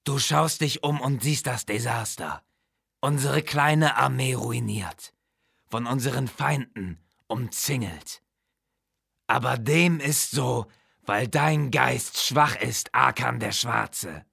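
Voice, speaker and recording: A man voicing an arrogant undead priest-king necromancer in an audiobook, slow and commanding with a hissing menace. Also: medium pitch, gravelly, a bit bright, slightly rough, dry recording, studio quality, voice pushed up, full character voice. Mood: cold, commanding.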